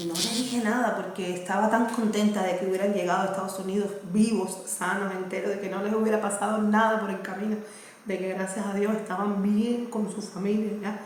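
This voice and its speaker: A Cuban woman in her thirties with a Cuban accent, talking earnestly and casually to camera as a vlogger and mother, often checking that the listener follows. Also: mid-range voice. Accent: Cuban Spanish. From Cuba. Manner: earnest, conversational, asks "¿me entiendes?". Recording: very echoey room, faint noise.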